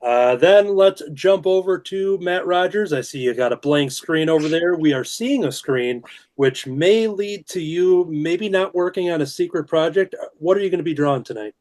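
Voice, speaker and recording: A man hosting a casual drawing show, talking in a relaxed way with frequent "uh" fillers. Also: fairly high pitch, normal speed. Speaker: host. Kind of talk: casual video-call chat while drawing.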